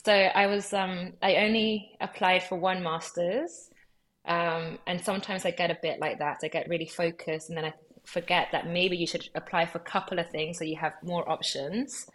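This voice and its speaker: A woman in her thirties, born in Peru and raised in Los Angeles and London, talking as a guest in a relaxed interview, chatty with lots of fillers and easy laughs. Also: fairly low pitch, normal speed. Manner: chatty, many fillers and likes, laughs easily. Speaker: guest curator.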